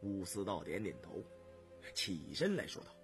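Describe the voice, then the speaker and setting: A man narrating a novel on the radio in a measured, expressive storytelling manner. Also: low voice, music in the background. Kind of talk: dramatic novel reading on radio.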